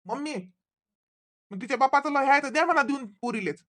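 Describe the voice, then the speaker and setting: A performer voicing an angry adult son arguing with his mother in an animated comedy. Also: sits high. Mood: heated. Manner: rapid, heated arguing.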